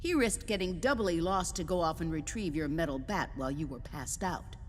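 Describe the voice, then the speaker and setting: A woman playing a sharp-tongued, know-it-all schoolgirl in an anime English dub, with a cutting, haughty way of talking. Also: deep voice, expressive, fairly quick, big-room sound, background noise.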